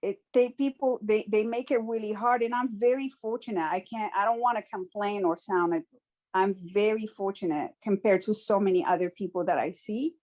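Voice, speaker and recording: A Moroccan woman tells a personal story as an interview guest, speaking at a middle pitch in a conversational, slightly mellow voice. She is earnest and reflective, keeps a moderate pace, and often stops to restart a thought.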